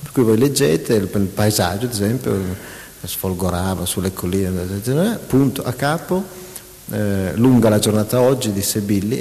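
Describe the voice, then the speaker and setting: A man's voice: lowish voice, darkish tone. A man, a writer, talking animatedly about writing, often restarting and reading out mock passages. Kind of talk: public talk with an interviewer. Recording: echoey hall reverb.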